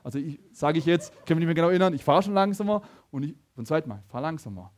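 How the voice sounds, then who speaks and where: Animated, expressive male preacher. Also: on the high side, very fast. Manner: animated, stammering restarts, addresses the audience directly. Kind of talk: sermon with personal storytelling.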